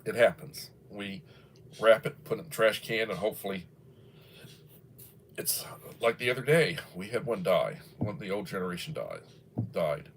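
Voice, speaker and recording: A man's voice: fairly low pitch, expressive, moderate pace, long pauses, a little hiss or hum. A man in his early sixties, chatting casually on a livestream, rambling and folksy as he reads viewer comments aloud. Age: 60s. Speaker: livestream host.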